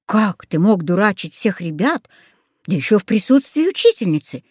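A woman's voice: mid-range voice, sing-song, normal speed, darkish tone, husky, no room sound, clean studio sound. A woman reading the lines of a stern, scolding father in a storybook. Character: stern strict father, middle-aged man.

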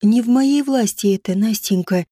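A dying witch mother, stern and tender, speaks low and slow with a muffled, breathy voice, as a woman narrator puts her on. Her tone is mellow and dark, recorded dry and close for a storybook audiobook. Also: dry recording, natural voice. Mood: tender, fading.

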